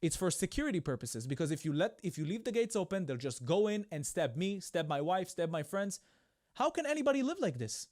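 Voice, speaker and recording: Insistent high-voiced man debating hard. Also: sing-song, a little fast, a little mellow. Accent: American-tinged. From Israel. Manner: insistent, argumentative, repeats himself. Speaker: debating host. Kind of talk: heated street debate.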